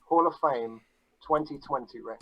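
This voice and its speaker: A man chatting casually on a podcast, bragging about himself in a deadpan, mock-grandiose way. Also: medium pitch, normal speed, no room sound, muffled recording. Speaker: guest.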